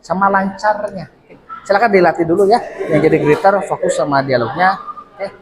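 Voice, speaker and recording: In a noisy classroom full of student chatter, a man with a Sundanese accent teaches English, coaching the students and repeating words for them to drill. His voice is high-pitched and a little fast.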